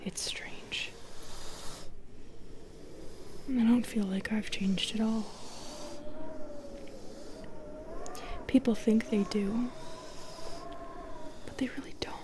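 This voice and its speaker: A woman playing a lonely, cursed Medusa in an audio roleplay, speaking slowly and haltingly in a hushed half-whisper. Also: on the high side, fairly even intonation. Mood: quiet musing. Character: modern Medusa, lonely cursed woman, bitter yet gentle. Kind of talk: intimate audio roleplay acting.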